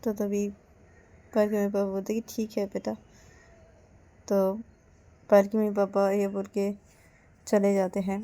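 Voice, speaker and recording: A woman's voice: medium pitch, monotone, moderate pace, long pauses, warm tone. A woman telling a story in a plain, repetitive way and voicing all of its characters.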